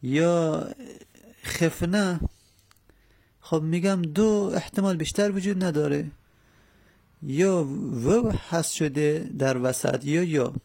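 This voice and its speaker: A man teaching a grammar lesson, explaining slowly step by step with many pauses and fillers. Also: on the high side, creaky, darkish tone.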